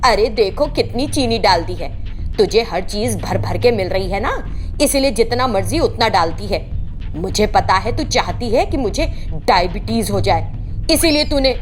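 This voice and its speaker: Woman voicing a shrill scolding mother-in-law. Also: moderate pace, soft background music, close to an everyday voice. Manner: scolding, shrieking, sarcastic. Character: arrogant, shrill, nagging old mother-in-law.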